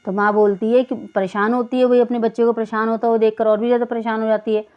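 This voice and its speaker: A woman's voice: on the high side, little pitch movement, quick pace, clear, resonant tone. A woman teacher patiently explaining a school text to children, stopping to define words. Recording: dull lo-fi recording.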